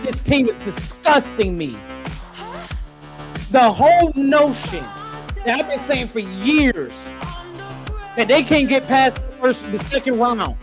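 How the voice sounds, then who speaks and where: A fan host calling a basketball game live, with profane, exasperated rants that burst into shouting and dry sarcastic asides. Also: sits high, expressive, slow pace, pauses often. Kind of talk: live game reaction and play-by-play commentary. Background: faint background music.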